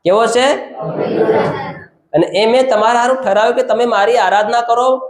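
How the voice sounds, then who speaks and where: Man, pastor, higher voice, sermon with call-outs to the congregation, echoey room. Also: moderate pace, slight background noise. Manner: calls out questions to the congregation and repeats phrases.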